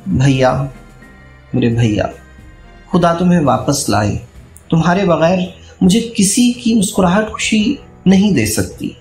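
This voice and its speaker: A man's voice: sits high, animated, measured pace, a little mellow. A man voicing an anxious, devoted young sister who pleads urgently, in an echoey room with faint music. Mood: longing.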